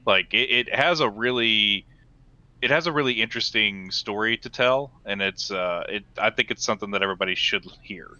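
A man co-hosting a gaming podcast in casual chat, speaking haltingly with many restarts. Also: on the low side, sharp tone, dull audio. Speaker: podcast co-host.

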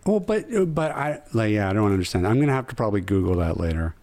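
A man's voice: on the low side, sing-song, fast, a little mellow, no room sound. A man hosting a podcast, bantering casually with rambling jokes and laughter. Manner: joking, rambling with frequent laughs. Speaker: podcast host.

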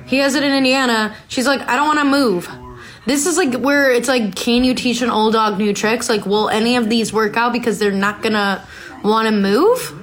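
A young woman hosts a podcast, chatting casually in a recap style and reacting live while watching a show. Her voice is on the high side, with fairly even intonation and normal speed.

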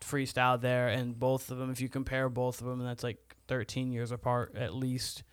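Smooth-voiced man in casual podcast chat. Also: medium pitch, monotone, moderate pace, no echo. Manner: laid-back, fills his talk with "uh" and "like". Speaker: podcast guest.

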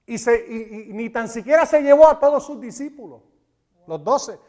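A man with a high voice delivers a sermon, animated and emphatic. He repeats key phrases for stress. His voice rings with a long reverb that fills the hall. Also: normal speed. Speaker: preacher.

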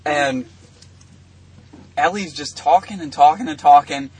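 A man's voice: on the high side, a little slow, a little mellow, slightly rough, poor audio. A young man co-hosting a crude podcast among friends, telling rambling stories with frequent laughter. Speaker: podcast co-host.

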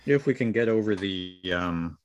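A man's voice: on the low side, expressive, normal speed, lo-fi sound, slight background noise. A man co-hosting a wargaming podcast, trading wry, joking banter in a casual chat. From Canada. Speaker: podcast co-host.

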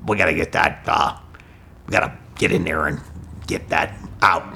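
A man's voice: very deep voice, steady tone, normal speed, vocal fry, bright, forceful tone, slight background noise, pitched below the performer's own voice, exaggerated voice. A man voicing a casual male eye surgeon who reassures offhandedly and repeats himself. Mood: breezy.

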